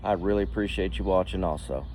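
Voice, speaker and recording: A man in his sixties speaking to viewers in a reflective, deliberate monologue, pausing often and posing rhetorical questions. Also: deep voice, darkish tone, slight background noise. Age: 60s. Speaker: duck hunter and caller, vlogger.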